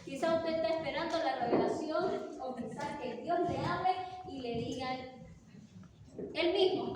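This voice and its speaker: A woman preacher delivering an earnest sermon, with frequent rhetorical asides and amens. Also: high voice. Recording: echoey hall, far-off mic, background noise.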